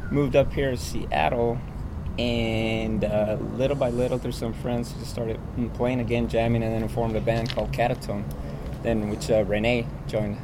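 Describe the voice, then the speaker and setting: A middle-aged man, a keyboard player, relaxed and halting, telling how he came to the band. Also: medium pitch. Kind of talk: casual storytelling. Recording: outdoor street noise with passing traffic.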